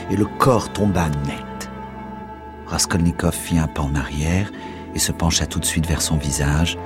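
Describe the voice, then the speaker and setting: A man giving a measured, dramatic scripted narration of a novel. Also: deep voice. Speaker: audiobook narrator.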